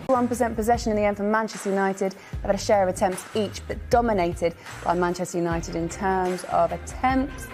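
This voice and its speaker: A woman's voice: mid-range voice, fairly quick, hardly any pauses, a little mellow, faint music behind. A woman hosting a live television football broadcast as presenter, linking studio discussion and asking pundits questions.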